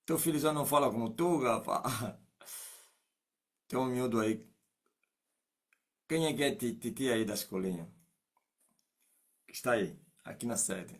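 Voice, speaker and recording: A man's voice: mid-range voice, unhurried, pauses often. A man, an apostle leading an online church service over a video call, chatting and teasing with his congregation and laughing often. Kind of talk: casual chat with congregation before a sermon.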